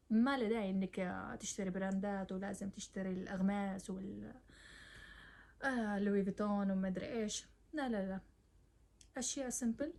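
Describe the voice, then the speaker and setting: A woman's voice: medium pitch, a little mellow. Brief: young woman, chatty advice vlogger, talks straight to the viewer and mixes in English words. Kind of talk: casual advice talk to camera.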